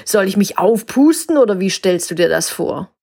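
A woman voicing a touchy but well-mannered talking bag of crisps in a storybook tale. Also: medium pitch, animated, normal speed. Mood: indignant. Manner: indignant, then quietly content.

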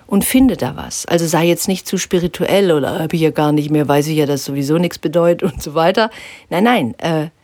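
A woman teaching a guided spiritual lesson, calmly instructive and sometimes dropping to a soft whisper. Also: sits low, brisk, dry recording. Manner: calm, gently instructive, drops into soft whispers. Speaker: spiritual teacher guiding an exercise.

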